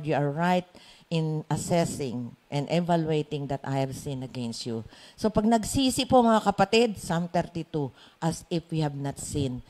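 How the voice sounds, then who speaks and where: A woman with a Filipino accent leading a Bible study, chatty and quick to laugh. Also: deep voice, darkish tone. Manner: chatty, laughs often, mixes in English. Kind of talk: Bible study sharing in Taglish.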